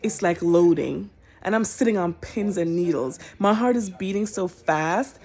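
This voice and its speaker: A young woman telling a personal story to her viewers in a casual, animated, emotional way. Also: fairly low pitch, a little slow, breathy edge. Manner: animated, emotional, colloquial, bursts into laughter.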